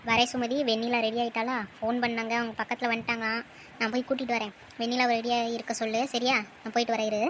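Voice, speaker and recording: A woman voicing a brisk aunt arranging a marriage in a cartoon, talking in an organizing way. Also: on the high side, level tone, a bit bright, a little hiss or hum, lightly acted. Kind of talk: cartoon voice acting.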